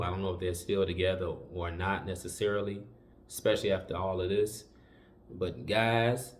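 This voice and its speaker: Male host, low-pitched, lecturing viewers in a relaxed, repetitive way. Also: slight background noise. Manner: preachy, conversational, repeats warnings with many fillers. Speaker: commentary channel host. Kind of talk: casual opinion commentary.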